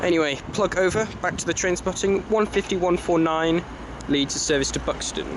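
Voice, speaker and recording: A man's voice: sits high, brisk. A man giving matter-of-fact trainspotting vlog commentary at a railway station. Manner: matter-of-fact, reading out unit numbers. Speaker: trainspotting video host. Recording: loud station and train noise.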